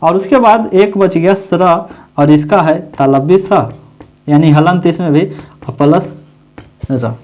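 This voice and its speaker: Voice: medium pitch, takes it slowly, mellow, soft background music. A grammar teacher at a board, asking the class questions and answering them, repeating each term several times. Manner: repeats key sounds and terms several times. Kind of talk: exam-prep grammar lesson at a board. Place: teaching room with a writing board.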